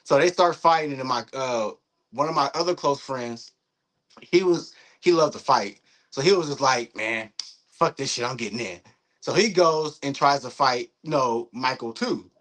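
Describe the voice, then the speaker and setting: A young man, a guest in a casual interview, telling a story in a lively, profane way, acting out what people said. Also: mid-range voice, moderate pace, low-quality recording. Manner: animated, profane storytelling with acted-out quotes.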